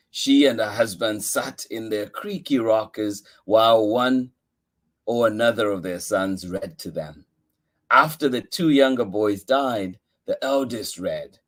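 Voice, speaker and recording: Hosting story time, a man with a lowish voice reads a children's picture book aloud, leaning deliberately and expressively on key words.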